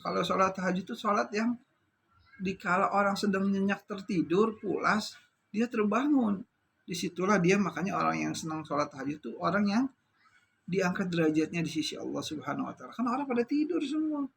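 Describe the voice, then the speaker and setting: A man preaching a sermon, telling stories with lively drama and dropping short "ya" tags between phrases. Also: sits high, brisk, creaky, slightly rough. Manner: lively storyteller, acting out the characters he tells about.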